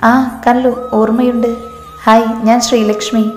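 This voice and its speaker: A woman's voice: a little high, flat delivery, measured pace, darkish tone, lightly acted. A woman voicing a chatty, teasing young female friend. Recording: echoey reverberant room, faint music.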